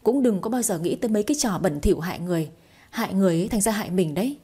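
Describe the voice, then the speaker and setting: A woman's voice: medium pitch, expressive, racing, dark tone, husky. A woman voicing a firm but patient young man in a read-aloud romance story. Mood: scolding.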